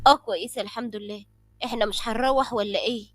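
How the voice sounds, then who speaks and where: A woman's voice: a little high, fairly even intonation, very fast, fairly bright tone, dry recording, soft background music. A woman voicing a nervous, evasive young wife with an Egyptian Arabic accent. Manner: nervous, hesitant.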